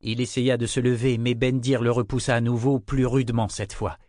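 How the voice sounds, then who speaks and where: A man's voice: mid-range voice, flat delivery, brisk, a little mellow, no echo, clean studio sound. Male narrator reading a novel. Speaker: audiobook narrator.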